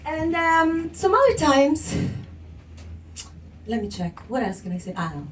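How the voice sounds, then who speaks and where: High-pitched comic doing stand-up, lots of laughing, roomy echo and noise, picked up from far off. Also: female voice, sing-song, unhurried. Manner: playful, laughing often, mocking voices. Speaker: stand-up comedian. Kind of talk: stand-up comedy set. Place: small comedy venue with live audience. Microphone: handheld microphone. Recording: echoey room, far from camera, noisy.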